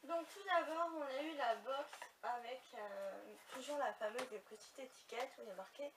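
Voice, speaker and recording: A woman's voice: high voice, normal speed. A young woman chatting casually to her viewers while unboxing, with lots of fillers and little asides. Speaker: beauty vlogger. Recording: slightly distant mic with faint noise.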